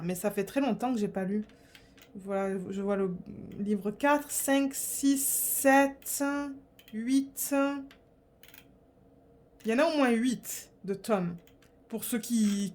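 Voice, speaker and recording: A young woman vlogging in a casual, rambling way, chatting to her viewers with lots of fillers and restarts. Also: medium pitch. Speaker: diamond painting vlogger. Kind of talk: casual chat to camera.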